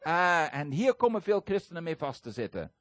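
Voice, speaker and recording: High-voiced man preaching with animated storytelling. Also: moderate pace, dry recording. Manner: conversational, frequent hesitations. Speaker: guest preacher. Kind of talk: sermon.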